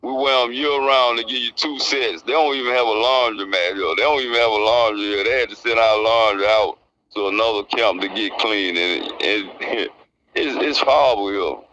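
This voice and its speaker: Muffled older Alabama man, low voice. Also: moderate pace, bright, forceful tone, dry recording. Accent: Alabama Southern. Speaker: interviewee, prison inmate. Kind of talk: casual interview answers, recounting experience.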